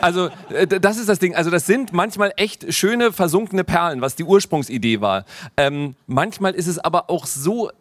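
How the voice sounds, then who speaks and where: A man's voice: sits high, expressive, moderate pace, no room sound. A man who presents a morning radio show, talking frankly and wryly at a live event. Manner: frank, wry, opinionated. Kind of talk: candid chat at a live event.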